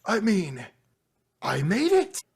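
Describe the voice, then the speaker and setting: A man voicing a timid, hesitant old painter from a video game, with a halting, drawn-out delivery. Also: sits high, wildly swooping pitch, gravelly, a little mellow, slightly rough, exaggerated voice. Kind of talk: reading video game dialogue aloud.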